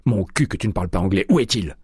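A man voicing an enraged tough male investigator shouting demands. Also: low-pitched, animated, fast talker, breathy edge, no echo, clean studio sound, voice pushed up, full character voice. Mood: furious. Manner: shouting, threatening.

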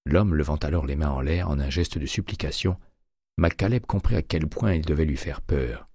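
A man reading a thriller audiobook in a steady, measured voice, recorded close and dry. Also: very deep voice, slightly rough, no echo. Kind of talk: audiobook narration.

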